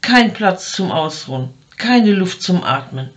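A woman voicing an agitated man who shouts in a panic about his messy house. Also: on the low side, lively intonation, unhurried. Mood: frantic. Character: frantic house-proud man expecting a holy guest.

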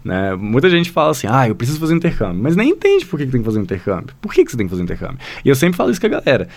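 A language school founder with a Brazilian Portuguese accent joins a casual podcast as a guest, rambling through stories, using lots of fillers and often speaking straight to the listener. His mid-range voice is rapid-fire and creaky, its pitch swooping wildly. The recording is dry.

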